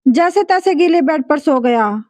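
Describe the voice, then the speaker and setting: A woman narrating a moral story in a calm, plain storytelling manner. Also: sits high, unhurried, dry recording, studio quality.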